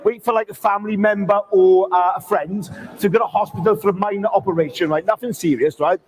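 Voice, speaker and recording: A man's voice: high voice, steady tone, fairly quick. A man from Swansea with a Swansea Welsh accent, telling stand-up stories to a live event. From Swansea, Wales. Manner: swears mildly, tells anecdotes with acted-out quotes. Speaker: stand-up comedian. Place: live event at an indoor or covered market.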